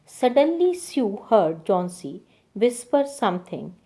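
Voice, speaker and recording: A woman's voice: medium pitch, sing-song, slow, warm tone. A woman teacher reading a story aloud and then retelling each passage in simpler words, with frequent fillers.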